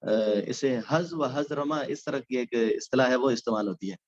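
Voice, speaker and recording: A man's voice: mid-range voice, dull audio. A male recitation teacher giving a recorded lecture, explaining step by step with frequent hesitation sounds.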